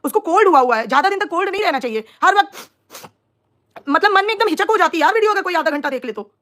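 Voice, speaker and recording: A woman's voice: very high-pitched, animated, fast talker, fairly bright tone. A young woman chatting on a live stream, teasing and mocking rivals while talking to her viewers. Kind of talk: casual live stream chat.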